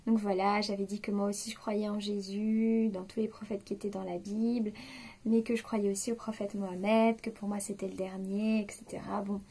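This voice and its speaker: Speaking off the cuff to her camera, this French vlogger in her late twenties sounds hesitant and confiding, often using fillers and starting over. Her medium-pitched voice is mellow yet slightly rough, delivered flatly at a moderate pace.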